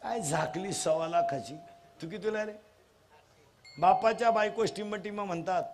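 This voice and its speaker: Preaching a humorous devotional kirtan, this middle-aged man pokes fun at the kids and runs them through noisy call-and-response drills. He has a high voice and keeps a moderate pace.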